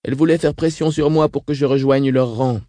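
A man's voice: medium pitch, fairly quick, no room sound, voice pushed up, natural voice. A man voicing a frail, unshaken old sister. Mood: grim. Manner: flat, unshaken. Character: frail elderly sister, weakened and coughing.

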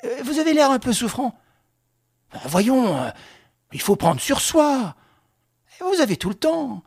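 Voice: mid-range voice, very animated, measured pace, breathy edge, no echo, exaggerated voice. Brief: a reader voicing a coldly ironic officer, teasing and sarcastic, close dry sound. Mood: mocking. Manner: mock-friendly, sarcastic teasing. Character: mocking young French officer, coldly ironic.

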